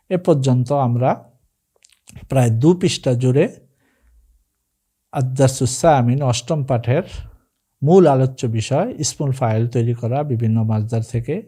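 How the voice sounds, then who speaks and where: A man with Bengali as his first language teaching an Arabic grammar lesson, reciting word forms in a slow chant and then explaining them plainly to his students. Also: medium pitch, warm tone.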